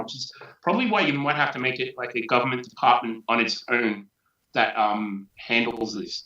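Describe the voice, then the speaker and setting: An Australian man chatting as a guest in a casual debate, his voice bright and forceful. He sounds roomy and far from the mic, on dull, lo-fi audio from a remote call. His asides come dry and sarcastic. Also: mid-range voice.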